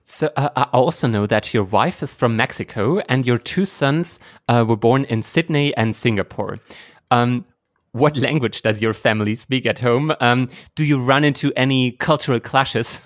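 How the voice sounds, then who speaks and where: A man's voice: mid-range voice, moderate pace. A man hosting a podcast, asking questions in an upbeat, friendly way. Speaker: podcast host. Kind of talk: interview hosting.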